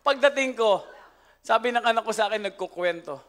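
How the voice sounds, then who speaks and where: A man's voice: sits high, brisk, fairly bright tone. A man with a Filipino accent preaching a church sermon, telling stories with frequent laughter and switching between Tagalog and English. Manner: storytelling, laughing often, mixing English into Tagalog. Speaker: pastor. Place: church service.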